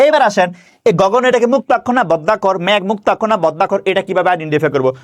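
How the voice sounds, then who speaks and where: A man teaching grammar, asking questions and answering them himself and slowly stretching out example words. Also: sits high. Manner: stretches words slowly when demonstrating pronunciation. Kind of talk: classroom-style grammar lesson.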